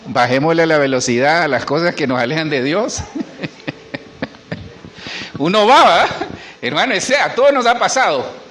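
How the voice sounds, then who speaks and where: A man's voice: a little high, expressive, measured pace, long pauses, a bit bright. A middle-aged man, a pastor preaching a sermon in church and asking the congregation questions. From Honduras.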